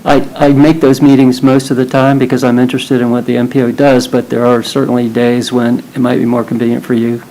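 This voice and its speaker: A man's voice: medium pitch, little pitch movement, warm tone, low-quality recording. Polite man chairing a board meeting. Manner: polite, procedural, unhurried.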